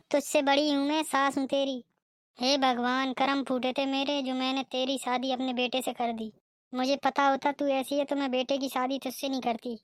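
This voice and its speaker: A woman's voice: high voice, no echo, clean studio sound, natural voice. A woman voicing a strict, scolding middle-aged mother-in-law in a cartoon, nagging and complaining. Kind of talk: cartoon voice acting.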